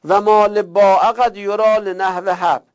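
A man with a slightly high voice teaches a grammar lesson. He reads a text slowly, then explains it in quicker speech and recites word forms in long drills. The recording sounds dull and lo-fi. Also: level tone. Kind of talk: classroom lecture, reading and explaining a text.

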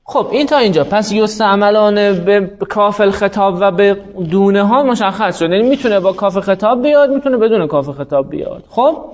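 A high-voiced man teaches a grammar lesson, speaking in an animated, patient, explanatory way and pausing to draw out example words slowly. The recording sounds dull and lo-fi, lacking top end.

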